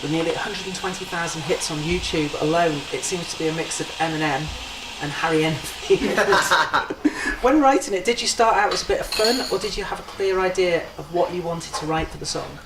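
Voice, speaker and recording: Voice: mid-range voice, moderate pace, few pauses. An interviewer asking prepared questions to an artist. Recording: echoey room with crowd noise.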